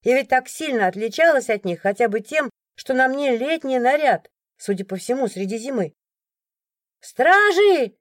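A woman narrates a first-person story in an expressive, lively storytelling voice. The recording is dry and close, with nothing of the room around her. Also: on the high side, moderate pace, few pauses, no echo. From Siberia, Russia.

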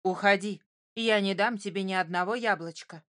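A woman's voice: medium pitch, normal speed, no room sound, clean studio sound, lightly acted. Storybook apple tree, firm and teacherly, kind underneath, voiced by a woman. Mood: stern, kindly. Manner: firm, instructive, slightly louder. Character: female apple tree, stern but kind and wise.

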